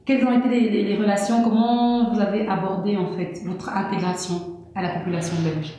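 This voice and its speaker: A woman's voice: medium pitch, level tone, a little fast, mellow. Woman interviewer in a very echoey room. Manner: polite, probing questions. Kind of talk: interview questions. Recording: very echoey room with faint noise.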